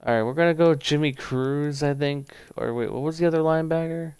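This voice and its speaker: A young man livestreaming a football video game, thinking aloud in casual, rambling commentary that speeds up in quick bursts. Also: a little high, a little mellow, clear, resonant tone, dry recording.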